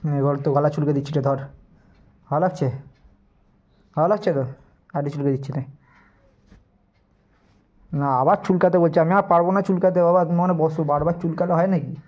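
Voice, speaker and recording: A man's voice: fairly high pitch, fairly even intonation, fairly quick, pauses often, darkish tone. A man vlogging as he plays with his pet dog, coaxing and teasing it in affectionate baby talk. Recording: dull lo-fi phone audio.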